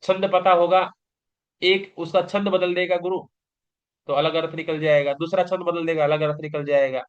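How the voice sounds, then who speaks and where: A man's voice: a little high, flat delivery, normal speed, clean tone. A man teaching a recorded yoga exam-prep lecture, explaining patiently and often asking and answering his own questions. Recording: dull lo-fi class recording.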